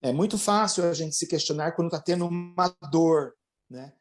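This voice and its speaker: A man's voice: on the high side, normal speed, soft background music. Man explaining with frequent tag questions. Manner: ends phrases with tag questions, acts out everyday quotes. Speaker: psychologist guest. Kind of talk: explanatory interview answers.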